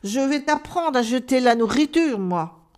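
A woman voicing a busy grown male squirrel in a storybook, talking briskly and scolding. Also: a little high, very animated, darkish tone.

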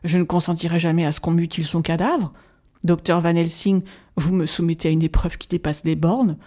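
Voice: medium pitch, flat delivery, brisk, warm tone, close to an everyday voice. A reader voicing a proud young lord in an audiobook, heated and indignant. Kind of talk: audiobook narration.

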